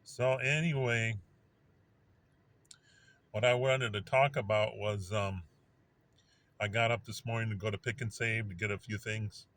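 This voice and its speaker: A man's voice: lowish voice, fairly even intonation, unhurried, long pauses, a bit bright, dry recording. A man talking casually on his own video, rambling with lots of fillers and restarts. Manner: rambling, many restarts and fillers, mimics explosion sounds. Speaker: vlogger.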